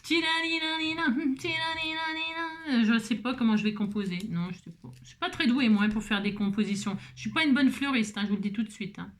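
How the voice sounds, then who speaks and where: A woman's voice: mid-range voice, quick pace, few pauses. A woman hosting a craft tutorial, chatting casually and humming little tunes as she works. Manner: chatty, hums and sings little tunes while working.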